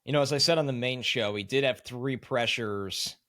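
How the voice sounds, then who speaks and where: Dude explaining football stuff in long runs, mid voice, dry sound no room. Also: male voice, medium pitch, moderate pace, bright, forceful tone, no echo. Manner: analytical, talks in long run-on explanations. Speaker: podcast co-host. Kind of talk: casual sports analysis chat.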